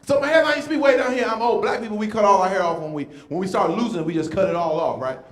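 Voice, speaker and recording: A man in his fifties does a stand-up set on a comedy club stage before a live audience, telling animated stories and acting out voices. His voice is high-pitched and rapid-fire, and the sound is roomy.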